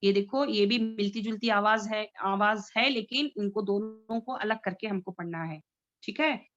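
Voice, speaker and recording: A woman's voice: medium pitch, moderate pace, lo-fi sound. A woman teaching a Tajweed recitation class, patiently drawing out letter sounds and often checking that students follow. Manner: frequent checks for understanding.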